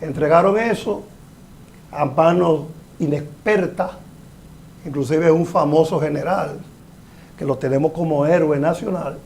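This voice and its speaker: An older man with a notably high speaking voice talks through a technical subject on a panel show. He explains at length in a measured way and leans into his points now and then. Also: vocal fry, a little mellow, a little hiss or hum. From Dominican Republic. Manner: explanatory, measured, occasionally emphatic. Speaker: guest engineer. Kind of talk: panel talk show discussion.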